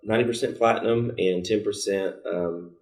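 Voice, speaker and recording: A man speaking as a podcast guest, talking in a halting way with many fillers. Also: on the low side, fairly even intonation, a little mellow. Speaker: service director. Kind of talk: casual podcast conversation.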